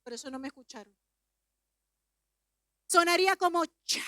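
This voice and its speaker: Woman preacher, very high voice, bright tone, calm teaching that builds to fervent shouting, Pentecostal sermon. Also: a little slow, dry recording, clean studio sound. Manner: teaching calmly, then rising to shouted fervor.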